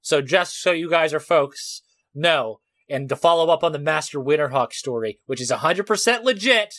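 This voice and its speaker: A man hosting a casual movie podcast, playful and jokey, rattling off release details quickly. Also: fairly high pitch, expressive, a bit bright. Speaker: podcast host.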